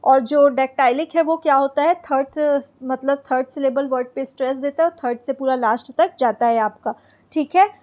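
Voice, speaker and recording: Her voice sits high and carries a darkish tone as she teaches exam prep in Hindi. She reads English definitions aloud at a slow pace, asking questions only to answer them herself.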